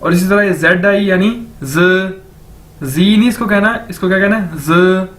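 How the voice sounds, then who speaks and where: A man teaching a recorded lecture, saying each word slowly and over and over for learners. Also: high-pitched, a bit bright. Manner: repeats words slowly for learners. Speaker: language teacher.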